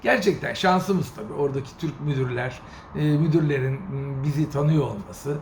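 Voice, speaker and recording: A middle-aged man from Turkey telling a travel story in a casual, animated monologue, getting indignant and briefly mimicking officials. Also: mid-range voice, moderate pace. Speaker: host. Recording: echoey room with faint ambient noise.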